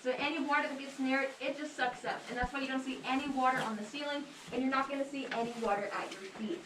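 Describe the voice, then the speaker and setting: High voiced lady giving a jokey tour, echoey cave, noisy and kinda far from the mic. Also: fairly even intonation, quick pace. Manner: casual, joking. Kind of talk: guided tour commentary to a group. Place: underground cave room. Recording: echoey cave, distant mic, clear background noise.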